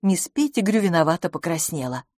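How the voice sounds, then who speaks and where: Woman reading an audiobook, lively expressive narration, lowish voice, dry close sound. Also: fairly quick, dry recording. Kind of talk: scripted narration.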